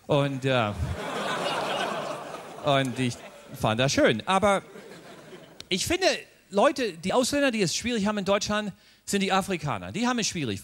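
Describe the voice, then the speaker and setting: A middle-aged man from the United States with an American accent performs a stand-up comedy routine in German, telling stories and acting out the characters. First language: English. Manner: animated storytelling, acting out characters in a pitched-up voice.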